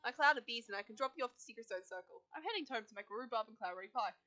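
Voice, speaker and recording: A woman's voice: fairly high pitch, expressive, very fast, sharp tone. A woman voicing a kindly, motherly older woman who talks in a cosy, affectionate way.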